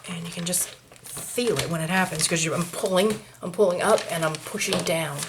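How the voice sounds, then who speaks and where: Maine-accented woman, middle-aged, lowish voice, homey craft tutorial host; noisy recording with clicks. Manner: chatty, talks through each step, mutters asides to herself.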